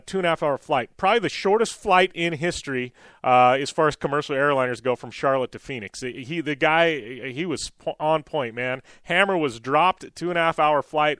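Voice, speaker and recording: A male radio show host telling a long anecdote in a casual, animated way with plenty of fillers. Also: fairly high pitch, dry recording, clean studio sound. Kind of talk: casual storytelling monologue.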